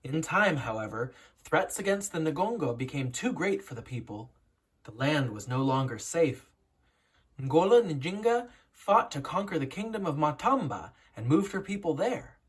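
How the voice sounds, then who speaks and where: Reading a kids' picture book out loud, this teacher uses a medium-pitched, faintly husky voice that swings widely in pitch. She leans into each word with a deliberate, instructive storytelling manner.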